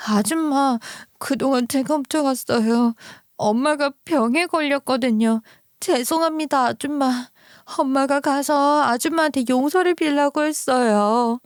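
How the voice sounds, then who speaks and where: A woman's voice: high voice, unhurried, dry recording, clean studio sound, voice pushed up. A woman voicing a poor, timid nine-year-old girl who pleads through tears. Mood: pleading. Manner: pleading, sobbing childlike tone.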